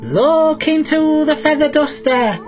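Cheeky granny, put on by a woman, high voice, faint music behind. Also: animated, slow pace, darkish tone. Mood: cheery. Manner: chatty, cheeky, talks to children at home. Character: chatty elderly granny cleaner, cheeky and homely. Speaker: children's show presenter in character.

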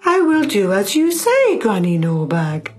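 A woman's voice: mid-range voice, wildly swooping pitch, a little mellow, faint music behind. A woman doing a haughty posh lady. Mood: hypnotised. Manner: haughty, dramatic, drawn-out complaints. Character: posh snobbish rich lady, fussy and self-pitying. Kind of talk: children's comedy sketch acting.

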